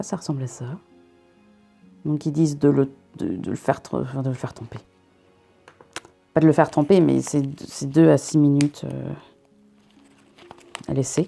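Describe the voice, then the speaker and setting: A woman's voice: low-pitched, gravelly, warm tone. A young woman from northern France near the Belgian border, chatting casually and jokily while unboxing, often breaking off her own sentences. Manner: chatty, self-interrupting, jokey asides. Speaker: vlogger reviewing a subscription box.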